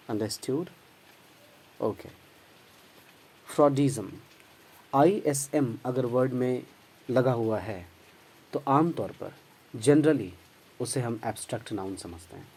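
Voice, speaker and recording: A man's voice: mid-range voice, mellow, husky. A man teaching grammar, explaining patiently and spelling out words letter by letter, with pronunciation. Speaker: English teacher. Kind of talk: Hindi-language grammar lesson with English terms.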